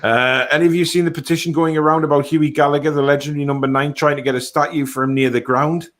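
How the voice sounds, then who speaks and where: This man hosts a laid-back football fan live stream, going through viewer comments and replying with blunt matter-of-factness. His fairly high, slightly bright voice holds a steady tone as he talks fast.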